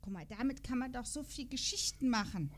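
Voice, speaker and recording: A podcast host with a slightly high, animated voice chats casually at a brisk pace while a crowd sounds in the background. Playful and giggly, she reads character profiles aloud and stumbles over words.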